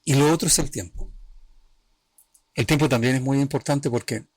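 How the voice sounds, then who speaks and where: A man's voice: mid-range voice, normal speed, no room sound. A man hosting a live-streamed talk on emotional healing, speaking conversationally in short, restarting phrases and often checking that the listener follows. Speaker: host of an emotional healing channel.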